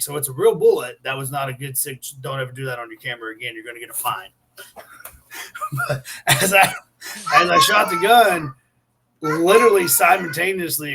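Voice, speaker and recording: A man's voice: a little high, sharp tone. A man guesting on an interview show, telling blunt, brash stories about his acting work and laughing as he goes. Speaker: actor guest. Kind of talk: casual interview storytelling.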